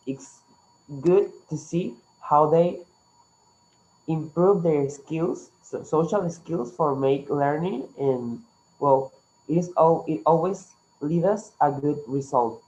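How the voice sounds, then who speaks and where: Online English teacher, Latin American Spanish accent, native Spanish speaker, mid pitch, encouraging and instructive, slightly dull class audio. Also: slow pace, darkish tone. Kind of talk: interactive online language lesson.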